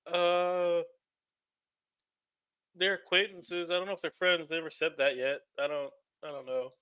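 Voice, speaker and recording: High, bright-voiced man playing a tabletop game. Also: little pitch movement, a little slow, clear, resonant tone, dry recording. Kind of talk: improvised in-character game chat.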